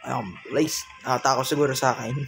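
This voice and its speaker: A man's voice: medium pitch, fairly even intonation, fast talker, gravelly, a bit bright, a little hiss or hum. A man with a Filipino accent giving casual commentary while playing a mobile game, chatting to himself and the game and mixing English with Tagalog. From Philippines. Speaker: gaming channel host.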